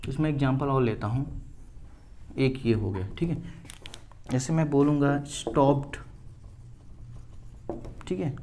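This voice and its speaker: A man with an Indian accent teaching English grammar in Hindi at a board, explaining slowly and repeating words, often checking with "okay?". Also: medium pitch, warm tone, a little hiss or hum. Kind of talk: classroom grammar lesson at a board.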